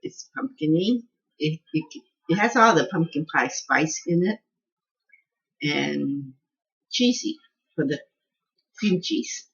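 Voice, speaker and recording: A woman's voice: low voice, animated, slow, gravelly, pauses often, fairly bright tone. A woman home cook in a casual cooking video, chatting as she tastes and often restarting her words. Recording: dull lo-fi sound.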